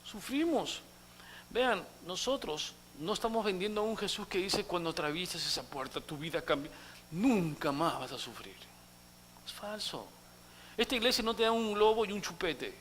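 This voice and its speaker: A male pastor preaching a sermon dramatically, acting out quotes and swinging from loud outbursts to hushed asides, in a church. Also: sits high, expressive, normal speed, a little hiss or hum.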